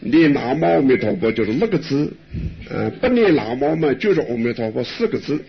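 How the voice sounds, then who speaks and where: An older man, a monk, giving a gentle, chuckling Buddhist talk in an unhurried way. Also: medium pitch, very animated, creaky, crowd noise. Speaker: elderly monk answering questions. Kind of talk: dharma talk with live interpretation. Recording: dull lo-fi recording with faint hiss.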